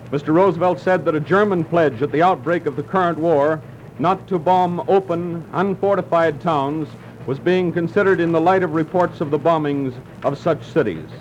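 A man, a radio news announcer, reading a formal news bulletin in crisp, clipped announcer style, heard as an old newsreel-style archival broadcast. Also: on the high side. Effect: old newsreel-style archival broadcast sound. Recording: muffled, hissy old radio recording.

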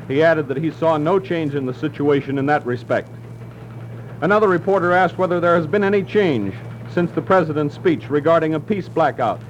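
A man, a radio news announcer, reading a formal news bulletin in crisp, clipped announcer style, heard as an old newsreel-style archival broadcast. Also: fairly high pitch. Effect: old newsreel-style archival broadcast sound. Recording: muffled, hissy old radio recording.

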